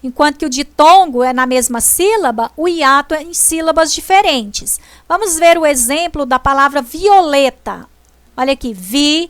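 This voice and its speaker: A woman teacher, explaining a grammar lesson slowly and deliberately, stressing syllables as she goes. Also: sits high, lively intonation, no room sound. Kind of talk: slow classroom explanation.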